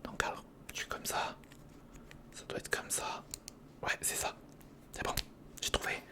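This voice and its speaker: At a measured pace, a man whispers his way through a casual, improvised ASMR build-along as host. His breathy, mostly voiceless voice alternates between hesitant muttering to himself and chatting to the viewer.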